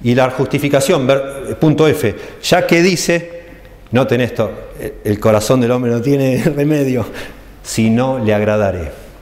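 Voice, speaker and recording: Rioplatense guy preaching, explains slow and careful, mid voice, big echoey church hall. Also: mid-range voice, darkish tone. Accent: Rioplatense Spanish. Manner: explanatory, reads texts aloud slowly and stresses phrases. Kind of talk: church teaching sermon.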